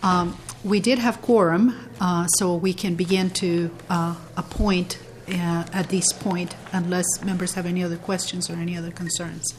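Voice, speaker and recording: A woman chairing a legislative committee hearing, speaking haltingly with many fillers and restarts. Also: fairly low pitch, flat delivery, darkish tone, a little hiss or hum.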